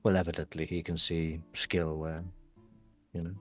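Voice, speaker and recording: A man's voice: low-pitched, level tone, moderate pace, faint music behind. A man playing his character in a tabletop role-playing game, puzzled and argumentative. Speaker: player.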